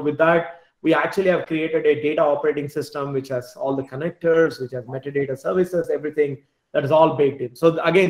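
Presenting slides casually on a video call for an online meetup, a man who leads a tech team keeps restarting words and tossing in "you know." He has a slightly high voice, and his computer mic picks up an echoey room, bright and indoors, at home or a small office.

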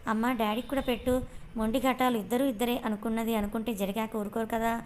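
A woman's voice: fairly high pitch, little pitch movement, quick pace, slight background noise, close to an everyday voice. A woman voicing a cheerful, affectionate young daughter in a spoken story. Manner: affectionate, playful.

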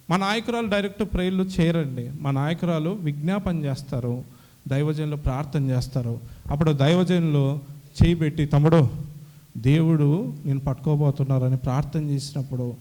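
A man's voice: a little high, dark tone. A young man giving an emotional church testimony, acting out the dialogue he recalls. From Kadapa, Andhra Pradesh. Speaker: testimony giver.

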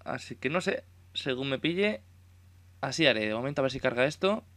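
A man's voice: medium pitch, expressive, brisk, a bit bright. A young man with a Spain Spanish accent, commentating his own gameplay casually, swearing and exclaiming at the game. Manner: swearing, exclamatory, self-mocking. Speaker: gaming YouTuber.

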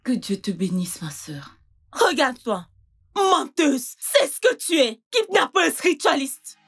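A distraught mother in a dubbed film, begging and accusing by turns. Her voice is husky and fairly high, swinging widely in pitch. Faint music plays behind. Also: animated, moderate pace. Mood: bitter. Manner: pleading, tearful and accusing. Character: distraught mother of a missing daughter. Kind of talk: French film dub.

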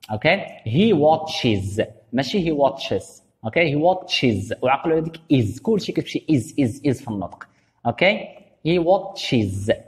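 A man with a Moroccan Arabic accent teaching English grammar. He explains in dialect, reads English examples slowly and keeps asking "okay?". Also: medium pitch, a little mellow, in a large hall. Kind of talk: classroom grammar lesson.

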